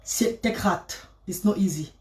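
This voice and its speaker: A woman voicing a calm, kindly male police officer who talks in a low, soft, consoling way. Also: takes it slowly, lightly acted. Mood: gentle. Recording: roomy, from a distance.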